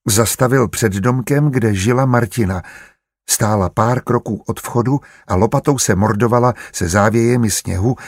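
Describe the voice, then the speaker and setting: A man reading a historical novel aloud in an even, measured narration. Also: fairly low pitch, vocal fry, no room sound, clean studio sound. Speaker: audiobook narrator. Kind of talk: scripted narration.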